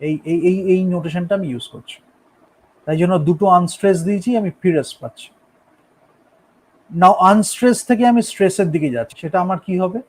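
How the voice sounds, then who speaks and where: A man's voice: sits high, a little mellow, low-quality recording. A man teaching a lesson, explaining each step in turn and often checking that his listeners follow. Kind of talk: classroom lecture on poetic meter.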